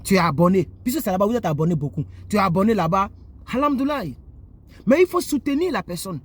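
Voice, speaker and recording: A man's voice: sits high, quick pace, breathy edge. A man from Côte d'Ivoire, seated indoors and delivering a preachy monologue straight to his viewers. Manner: animated, preachy, addresses viewers directly. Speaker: YouTuber. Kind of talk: moralizing monologue to camera.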